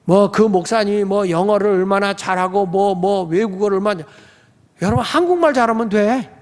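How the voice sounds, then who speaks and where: A man delivering a sermon as pastor of a congregation. His voice sits high for a man, and he talks to the people in a plain, questioning way. The sound carries the long reverb of a church sanctuary. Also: normal speed. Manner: conversational preaching, asks the congregation questions.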